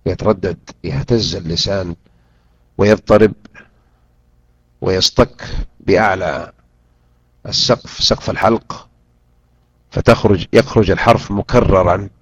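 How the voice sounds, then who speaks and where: A man teaching a Quran interpretation lesson, drilling pronunciation and repeating words slowly and deliberately. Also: low-pitched, steady tone, breathy edge, dry recording. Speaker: Islamic teacher. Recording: dull lo-fi recording.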